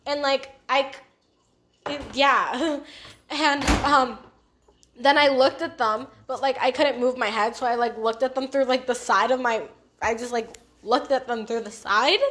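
A young woman talks slowly and loosely, telling a story on a casual podcast. Her voice sits a little high, and she rambles with lots of fillers and the odd swear word. A faint hiss runs underneath. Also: a bit bright. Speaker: podcast co-host.

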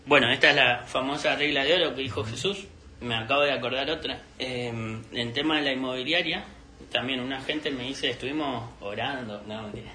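A man's voice: mid-range voice, brisk, roomy sound, a little hiss or hum. A young man with an Argentine Spanish accent, telling a personal story in casual chat, acting out the dialogue and laughing often. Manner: animated, acts out dialogue with laughter. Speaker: podcast host telling a story.

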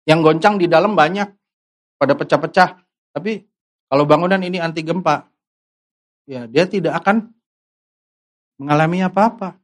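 A man's voice: a little high, moderate pace, pauses often. A man preaching a casual, conversational sermon, asking his listeners questions and acting out the voices of worried believers. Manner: asks the audience questions directly.

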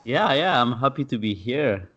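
A young man from Ethiopia, a podcast guest, telling his story in a halting way with many fillers and restarts. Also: medium pitch, expressive, a bit bright, lo-fi sound. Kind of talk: casual interview.

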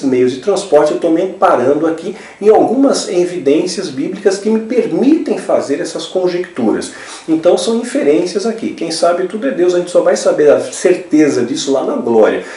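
A man's voice: fairly high pitch, mellow. A man gives a religious teaching talk, explaining step by step and often checking in with tag questions. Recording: roomy, from a distance.

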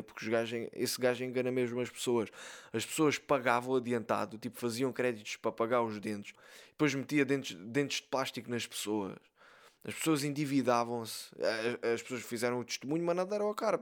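A man with a European Portuguese accent hosting a solo podcast, telling crude jokey stories straight to his listeners. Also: mid-range voice. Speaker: podcast host. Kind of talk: casual solo podcast rant.

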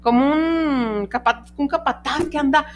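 A woman's voice: high voice, a little slow, slight background noise. Rambling woman podcast host. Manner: searching for words, many restarts and fillers. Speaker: podcast host, dog trainer. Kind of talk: casual explanatory podcast talk. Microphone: podcast microphone.

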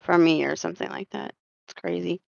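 A woman's voice: on the low side, fairly quick, vocal fry, a little mellow, no room sound. Woman with a slight Southern drawl. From Florida. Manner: rambling, laughs often, many fillers. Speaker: podcast host. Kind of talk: casual chat. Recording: dull lo-fi dry sound.

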